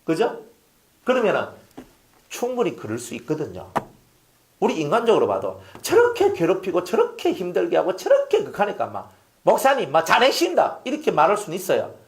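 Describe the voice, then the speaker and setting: A man's voice: sits high, huge pitch swings, brisk. A middle-aged male pastor who preaches a sermon, acts out quoted speech and keeps asking the congregation questions.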